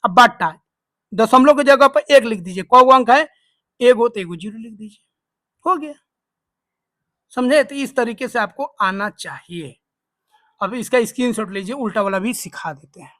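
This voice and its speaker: A teacher walks through a tutorial in slow, dictated steps. The voice sits at a middling pitch and keeps quizzing the listener, then answering its own question. The recording sounds dry and close. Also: a bit bright, no room sound. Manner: repetitive, quizzes listeners with call-and-response questions. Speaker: maths teacher. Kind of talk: online tutorial explanation.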